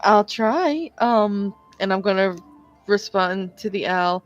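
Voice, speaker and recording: A young woman playing a tabletop game, chatty and quick to giggle. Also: mid-range voice, expressive, dry recording, dull audio, faint music behind. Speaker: player. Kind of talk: casual tabletop game chat.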